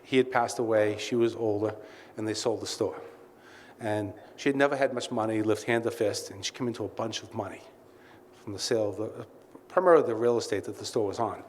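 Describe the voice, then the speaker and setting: In a reverberant hall with faint background sound, a CEO briskly gives his welcome speech at a client event in a lowish voice. He tells frank stories and wanders into plenty of asides.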